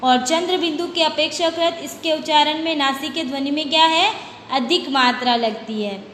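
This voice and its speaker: A woman's voice: high-pitched, moderate pace, fairly bright tone. A woman school teacher giving a grammar lesson, explaining step by step and answering her own questions. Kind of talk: recorded Hindi grammar lesson. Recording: echoey room with long reverb, faint noise.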